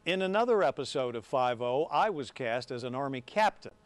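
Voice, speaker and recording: A man's voice: mid-range voice, lively intonation, fairly quick, dry recording. Man narrating a news tribute, dry close sound. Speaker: sports anchor.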